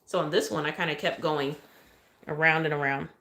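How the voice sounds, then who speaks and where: A woman's voice: low-pitched, steady tone, fairly quick, a bit bright. A chatty woman, demonstrating cake decorating on a live stream and often thanking her viewers.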